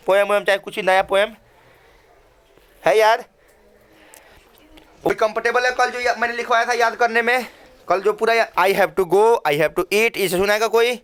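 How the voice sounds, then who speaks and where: A man's voice: high voice, fairly bright tone. Bhojpuri-accented male teacher quizzing a class. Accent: Bhojpuri-tinged Hindi. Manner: questioning, repeats phrases for the class. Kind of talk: classroom English lesson. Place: classroom with children.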